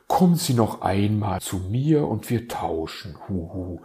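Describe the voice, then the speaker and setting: A man voicing a relaxed, wise old owl uncle who hoots as he talks, in a storybook reading. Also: lowish voice, measured pace. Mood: cheerful. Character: hooting, laid-back owl uncle, wise.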